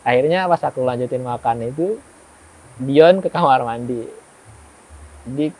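Animated young man. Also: medium pitch, a little slow, rough recording. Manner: animated, acts out quoted dialogue. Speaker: guest storyteller. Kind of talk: casual horror storytelling.

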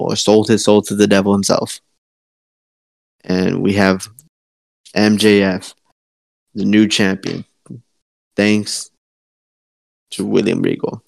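Male podcast co-host, gravelly and dry, casual, excitable and profane. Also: on the low side, takes it slowly, pauses often, no echo. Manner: excited, swearing, rambling with restarts. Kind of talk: casual wrestling podcast chat.

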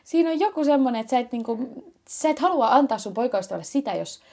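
A young woman co-hosting a casual chat podcast, loud and teasing, laughing a lot. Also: on the high side, expressive. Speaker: podcast co-host.

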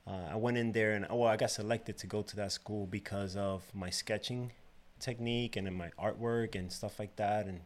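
A man's voice: fairly low pitch, steady tone, normal speed, hardly any pauses. A man from the Dominican Republic, a barber and shop owner, telling his story in an easygoing way, loose with you know and uh. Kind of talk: casual interview.

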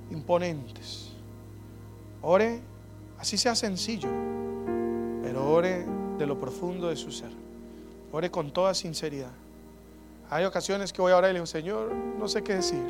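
A man preaching an earnest, personal sermon on prayer, often dropping to soft prayerful tones. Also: high voice. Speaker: pastor. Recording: music bed under the voice. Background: soft instrumental music.

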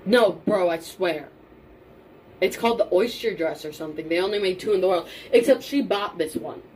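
A woman's voice: fairly low pitch, normal speed, poor audio. A young woman co-hosting a podcast in casual chat, talking informally and emphatically, often repeating herself for stress. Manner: informal, emphatic repetition, mild swearing. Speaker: podcast co-host. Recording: steady background noise and room ambience.

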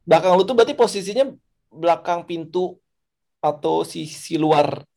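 A man's voice: on the high side, moderate pace, creaky, darkish tone. A man who hosts a casual chat, asking blunt questions. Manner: prompting, blunt interjections.

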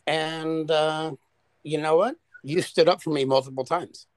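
A man co-hosting a podcast in casual chat, animated and profane, telling stories with big exaggeration. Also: on the high side, a little slow, no room sound. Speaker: podcast co-host.

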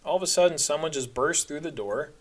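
A man with a slightly high voice moves at a quick pace through casual personal stories on his podcast. He speaks candidly and conversationally, with a wry sense of humor.

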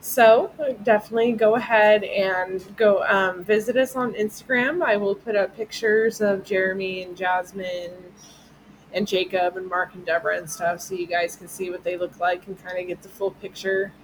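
A woman's voice: medium pitch, level tone, normal speed, slight background noise, low-quality recording. A woman hosting a casual true-crime podcast, chatty and loose, often breaking into giggles. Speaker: podcast host.

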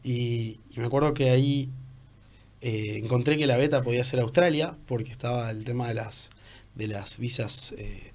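A man in his thirties speaks with a Uruguayan Spanish accent, unhurried and easygoing. He tells long stories in casual podcast chat, with many fillers and restarts. His voice sits at an ordinary middle pitch. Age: 30s. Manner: relaxed storytelling with many fillers. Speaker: guest.

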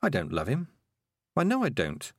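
A man voicing a sharp-minded, determined young girl. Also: mid-range voice, wildly swooping pitch, normal speed, dry recording, studio quality, voice pushed up. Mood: earnest.

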